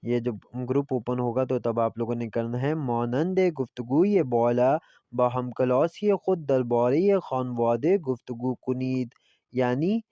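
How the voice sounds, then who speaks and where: A man's voice: mid-range voice, mellow, no room sound. Man teaching Persian, muffled recording. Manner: reads Persian phrases slowly, then explains them in Urdu. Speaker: language teacher. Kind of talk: classroom lesson explanation.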